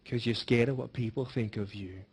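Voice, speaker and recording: A young man giving an emphatic motivational speech to students, swinging between bold declarations and hushed, earnest appeals. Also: medium pitch, normal speed, breathy edge. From Australia. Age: young adult. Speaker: motivational speaker.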